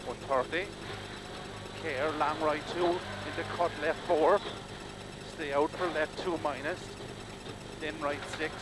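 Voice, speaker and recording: A male rally co-driver reading rapid pace notes in terse, clipped calls of directions and numbers inside a moving car. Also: a little high, steady tone. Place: inside a rally car at speed on country lanes. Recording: very loud car engine noise. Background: loud engine and vehicle noise.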